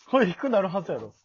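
A man's voice: high-pitched, lo-fi sound. Teasing young man with a Kansai accent. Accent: Kansai Japanese. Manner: deadpan retorts, teasing. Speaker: podcast guest. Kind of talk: casual comedic chat.

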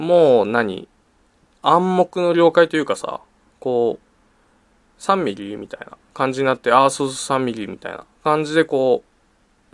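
A young man talking on his own in a casual way, his pitch swinging widely as he tells a funny story. His voice rises sharply when he gets excited. The recording is close and dry, with no room sound. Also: no echo. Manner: animated storytelling, voice jumping up in excitement; frequent laughter. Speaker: podcast host. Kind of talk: casual solo talk.

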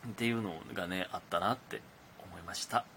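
Speaking brisk and low, a young Kansai-accented man hosts his own relaxed radio talk segment over a bit of hiss or hum. He's a comedian who rambles animatedly and piles on the fillers.

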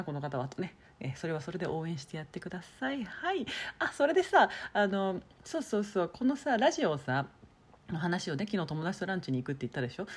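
A woman hosting a solo talk show, chatting casually and deliberately dropping in Nagoya dialect and thinking pauses. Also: fairly low pitch, breathy edge. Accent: Nagoya dialect touches. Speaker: podcast host.

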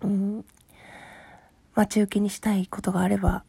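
Woman, hoarse just-awake rasp, creaky, soft-spoken, polite casual podcast chat, murmured phrase endings. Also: mid-range voice, little pitch movement, normal speed, no echo. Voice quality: husky, rough-edged voice. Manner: polite, appreciative. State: hoarse from having just woken up. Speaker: podcast host. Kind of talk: casual chat, replying to listener letters.

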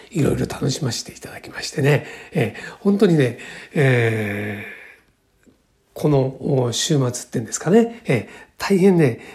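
A man's voice: mid-range voice, a little mellow. A man in his sixties talking alone as a podcast host, chatty and rambling, with a filler in nearly every phrase. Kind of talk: casual solo monologue.

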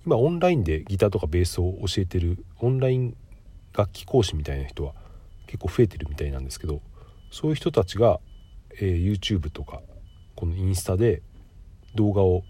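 A middle-aged man, nasal and stuffed up from a cold, hosts a laid-back solo podcast. His low, dark, slightly rough voice is very animated and a little fast as he politely explains things, stopping often for fillers.

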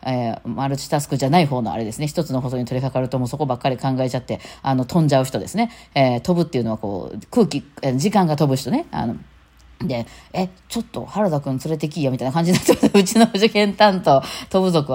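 Kansai woman host, machine-gun chatter packed with fillers, warm and mellow tone. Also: extremely low pitch, lively intonation. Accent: Kansai Japanese. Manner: rapid-fire chatty talk with many fillers. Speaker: host of a solo audio talk show. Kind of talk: casual solo monologue.

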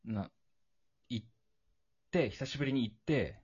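Lively young man, husky and playful, lo-fi podcast sound. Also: mid-range voice, moderate pace. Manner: playful, acting out silly scenes. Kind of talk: casual chat. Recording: dull lo-fi recording.

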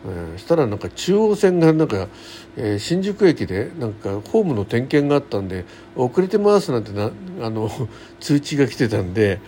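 Very animated yet speaking at a normal speed, a middle-aged man with a mellow, mid-range voice hosts a solo radio show. His casual, colloquial, folksy chat rambles through daily-life anecdotes, and faint background noise can be heard.

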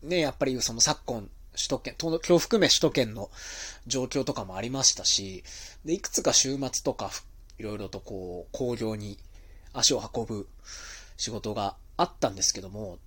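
A man's voice: mid-range voice, normal speed, fairly bright tone, breathy edge. A man hosting his own talk show as a pro wrestler, rambling casually on his own with a slightly stuffy, nasal voice from being ill. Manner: chatty, rambling, with many fillers. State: stuffy nose, a bit nasal while recovering from illness. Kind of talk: casual solo monologue.

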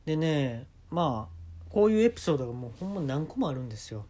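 A man with a Kansai accent telling comic stories in a solo monologue, deadpan with sudden animated jumps. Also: fairly high pitch, fast. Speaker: podcast host.

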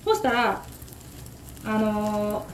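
Speaking slowly in a mid-range voice, this takoyaki shop owner with a Kansai Japanese accent tells a story during her radio talk, casual and exasperated, ranting with plenty of animation. A little hiss or hum runs under the roomy, echoing sound. Takoyaki frying can be faintly heard sizzling behind her.

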